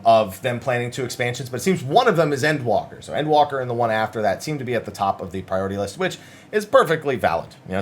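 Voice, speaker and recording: A medium-pitched man hosts gaming news commentary, summing up interviews in an informal, conversational way. His delivery is casual but emphatic.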